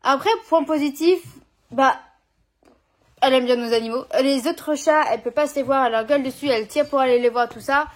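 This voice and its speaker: A woman's voice: high voice, fairly quick. A young woman vlogging at home, chatting casually in an informal, slangy way with lots of fillers. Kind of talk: casual chat. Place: at home with her dog.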